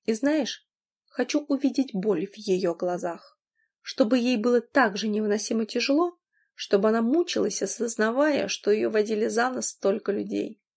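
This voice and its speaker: A woman's voice: a little high, normal speed, gravelly, a little mellow. A woman reading an audiobook, voicing a spiteful scorned mistress who taunts and sneers. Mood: taunting.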